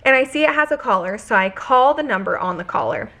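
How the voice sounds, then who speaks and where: A young adult woman vlogging casually, telling stories in a chatty, animated way full of "like". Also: fairly high pitch, quick pace. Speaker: lifestyle vlogger. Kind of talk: casual vlog chat and storytelling.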